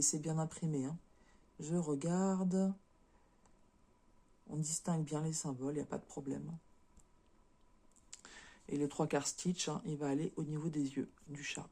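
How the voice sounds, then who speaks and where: A woman's voice: low-pitched, warm tone. A French woman chatting casually as a craft vlogger, showing and unboxing cross-stitch kits, with lots of fillers and repeated words.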